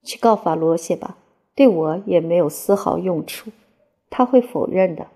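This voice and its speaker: Woman, audiobook narrator, first-person literary reading, measured, expressive, breathy. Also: lowish voice.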